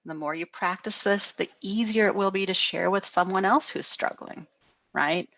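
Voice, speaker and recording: A middle-aged woman counselor giving a gentle guided wellness talk over a video call, often asking "right?". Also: mid-range voice, moderate pace, no echo. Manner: gentle, frequent "right?" tags.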